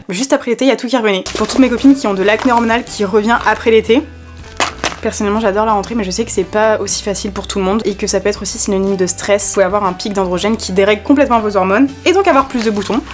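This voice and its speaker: A young adult woman chatting in a casual, rambling way as a vlogger. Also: medium pitch. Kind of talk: casual vlog chat.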